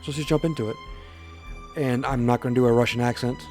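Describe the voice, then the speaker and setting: Mellow guy reading a game out loud, plain voice, jokey asides, faint music behind. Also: mid-range voice, fairly even intonation, fast. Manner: reads game text aloud in a plain voice, with joking asides. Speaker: let's play host. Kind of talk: casual game reading commentary.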